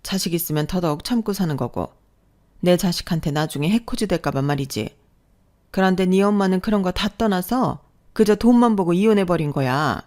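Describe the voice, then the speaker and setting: Woman reading a nagging middle-aged aunt, insistent and reproachful, lowish voice, radio-story drama. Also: lively intonation, moderate pace, darkish tone, close to an everyday voice. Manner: insistent, reproachful guilt-tripping. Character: pushy middle-aged aunt, guilt-tripping and pleading.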